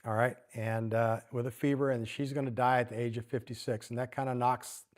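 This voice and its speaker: A man preaches at church with a middle-pitched voice. He tells the story in a relaxed way, asking the room questions as he goes. He reads passages aloud now and then. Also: brisk. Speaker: church teacher. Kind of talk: sermon.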